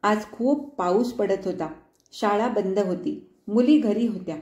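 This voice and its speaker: A woman storyteller reading a short story aloud in a clear, measured narration. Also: mid-range voice, a little mellow, echoey room. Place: studio.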